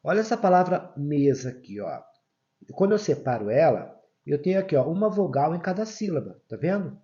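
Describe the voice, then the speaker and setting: Male teacher, mellow lo-fi voice. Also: fairly high pitch, very animated, a little fast. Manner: explains patiently with frequent "tá?" check-ins. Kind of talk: online grammar lesson.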